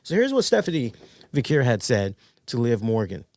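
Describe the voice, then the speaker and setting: Excitable stammering man reviewing wrestling. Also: mid-range voice, normal speed, no echo. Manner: excitable, stammering restarts, swears freely. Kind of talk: casual recap commentary.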